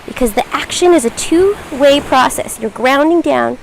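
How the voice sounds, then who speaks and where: A woman teaching a guided yoga class, giving encouraging, reassuring, measured cues as the instructor. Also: high-pitched, vocal fry, a little hiss or hum, poor audio.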